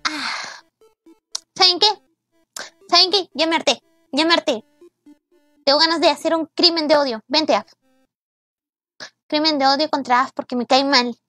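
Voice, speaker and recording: A woman's voice: sits high, fairly even intonation, normal speed, pauses often, pushed and bright, no room sound, soft background music. A young woman, chatting playfully on a live gaming stream, teasing and mock-exasperated as she thanks viewers by name. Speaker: VTuber streamer.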